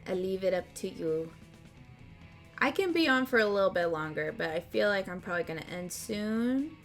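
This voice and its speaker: A woman streamer chatting casually and easily while hosting party games on a livestream, often quick to laugh. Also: medium pitch, animated. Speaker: streamer and host. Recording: music playing behind the voice.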